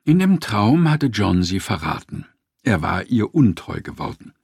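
A man narrating a nonfiction audiobook in an expressive storytelling manner. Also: fairly low pitch, unhurried, vocal fry, slightly rough, dry recording, clean studio sound.

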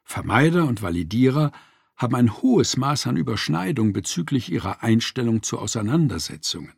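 A man narrating a nonfiction audiobook in a lively, expressive reading style. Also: medium pitch, moderate pace, gravelly, husky, no room sound, studio quality.

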